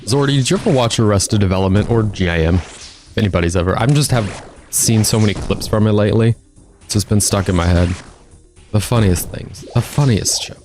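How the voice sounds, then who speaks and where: A man with a lowish voice keeps up a running stream of casual, joking commentary while he plays a game. He rambles from point to point in a relaxed, chatty way, with faint music underneath. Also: brisk.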